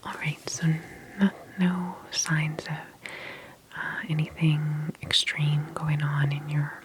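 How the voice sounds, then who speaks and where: A woman with a deep voice whispers through an ASMR roleplay as a composed healthcare specialist, breathy, slow, attentive, and professionally reassuring. Background noise can be heard.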